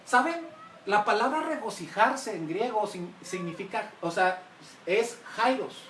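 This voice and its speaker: A man's voice: high-pitched, fairly bright tone. Male pastor, engaging sermon delivery, often asking his listeners questions, a bit far from the mic in an echoey room. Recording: roomy, mic at a distance, faint hiss.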